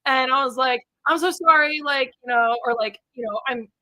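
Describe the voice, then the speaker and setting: Young woman co-host, high bright voice, dry close sound, chatty storyteller. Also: fairly quick, dry recording, low-quality recording. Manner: chatty storyteller, many fillers, animated quotes. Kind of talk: casual chat.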